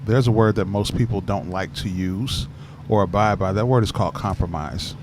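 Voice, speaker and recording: A man's voice: lowish voice, normal speed. A man with a Southern US accent, joking and giving emphatic advice in a casual panel chat. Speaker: guest host. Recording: noisy background.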